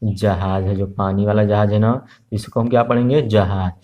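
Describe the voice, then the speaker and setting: This is a man giving a slow, patient online Hindi lesson to little kids, going over every letter and sound repeatedly with many fillers. His lowish voice has a flat delivery, and the sound is lo-fi.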